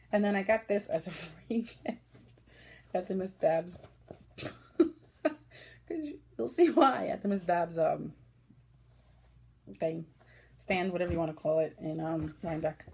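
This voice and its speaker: A woman with a New York accent chats casually through a yarn haul, gushing and giggling as she goes. Her voice sits a little low and mellow. A faint hiss runs under the recording. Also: a little slow, pauses often. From Brooklyn. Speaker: knitting podcast host.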